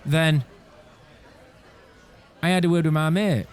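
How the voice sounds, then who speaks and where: A man's voice: fairly high pitch, fairly even intonation, slow pace, clean tone, a faint crowd. A man hosting a casual chat with friends, bossily running a game. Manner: bossy, keeps calling "right, here we go". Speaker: podcast host running the game.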